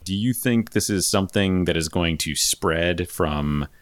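This podcast host has a low, smooth voice and an unhurried pace. He chats easily and conversationally on his casual show, reading out listener topics and news items.

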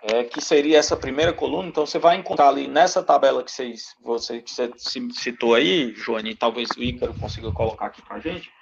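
A man's voice: medium pitch, vocal fry, a little hiss or hum. A man, a consultant guest, explaining investment rules step by step and often checking in with his listeners. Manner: fast, step-by-step explaining with frequent "né?" tags. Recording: dull lo-fi audio.

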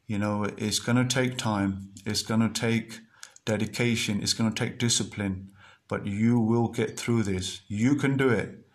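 A man's voice: on the low side, steady tone, measured pace. A man hosting a podcast, speaking in an earnest, repetitive motivational monologue full of fillers and restarts. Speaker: podcast host.

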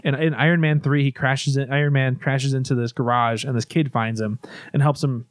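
A man's voice: medium pitch, fairly even intonation, fairly quick, no room sound, studio quality. A man casually recapping a movie in long, rambling stretches, restarting often and swearing now and then.

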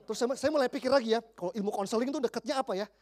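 A man in his forties, a pastor preaching a sermon, telling counseling stories in lively slang and acting out the people he quotes. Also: extremely high pitch, rapid-fire. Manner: animated storytelling, slangy, acts out the people he quotes.

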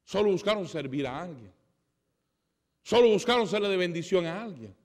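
Male pastor, fairly high voice, dramatic sermon delivery, long hall reverb. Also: lively intonation, moderate pace. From Spanish heritage. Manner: dramatic, acts out dialogue, swings between loud and soft.

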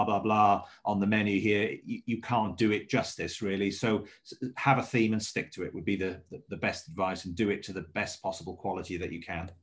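A middle-aged man speaks in a fairly low voice with a soft South Welsh accent from Swansea. He answers interview questions conversationally, explaining things in a measured way. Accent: mild South Welsh. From Swansea, South Wales. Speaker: hotel manager, interview guest.

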